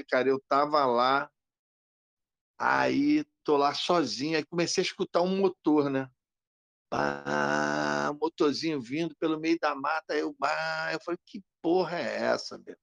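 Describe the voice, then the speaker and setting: A man co-hosting a podcast, telling an animated story in casual chat and acting out the lines of the people in it. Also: fairly high pitch, gravelly, no room sound. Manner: animated, acts out quoted lines. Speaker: podcast co-host.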